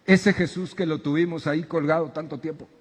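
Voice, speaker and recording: High-voiced preaching man, echoing hall. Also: brisk, husky. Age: middle-aged. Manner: animated preaching, shouting dramatic quotes. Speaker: pastor. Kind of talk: sermon. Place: church auditorium.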